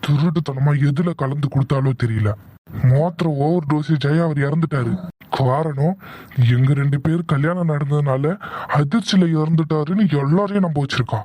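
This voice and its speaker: A man voicing an angry young husband in a cartoon who makes forceful accusations. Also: a little high, normal speed, no room sound, lightly acted. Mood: accusing. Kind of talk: cartoon voice acting.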